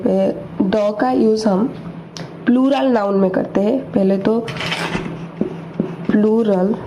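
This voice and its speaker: Slow, patient woman teaching grammar. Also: fairly high pitch, mellow. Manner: repeats words slowly, asks and answers own questions. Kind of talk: slow explanatory lesson in Hindi. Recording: dull lo-fi recording with faint noise.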